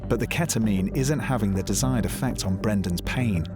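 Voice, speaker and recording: A man's voice: on the low side, normal speed. A man reading scripted narration for a documentary. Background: background music.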